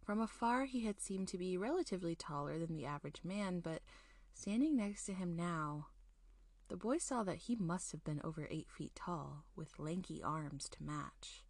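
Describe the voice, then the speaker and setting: A woman with a fairly low voice narrates a scripted monster folktale. She hosts like a storyteller, folksy and unhurried, and the sound is close and dry. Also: animated, darkish tone, dry recording. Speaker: storyteller, show host.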